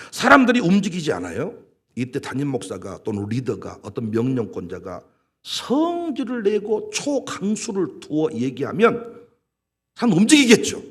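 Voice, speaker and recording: A male senior pastor preaching a sermon in an animated, emphatic way, acting out scenes as he goes. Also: on the high side, slightly rough. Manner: animated, emphatic, dramatizes with quoted voices.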